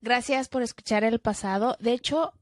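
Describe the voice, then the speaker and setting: A woman's voice: a little high, normal speed, no room sound, clean studio sound. A young woman, co-hosting a casual podcast chat and slipping into English phrases. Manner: chatty, mixes in English phrases. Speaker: podcast co-host.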